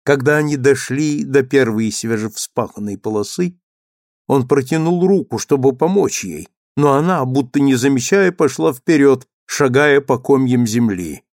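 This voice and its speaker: A man reads a novel aloud in a measured, even storytelling voice at a middle pitch. The recording is dry and close, with no room sound. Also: no echo. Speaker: narrator. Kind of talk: audiobook reading.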